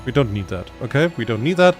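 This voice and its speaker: A man's voice: medium pitch, very animated, fast talker, faint music behind. A man from Germany with a German accent, chatting casually and rambling a bit while streaming a game, laid-back and self-deprecating. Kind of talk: casual gaming stream chat.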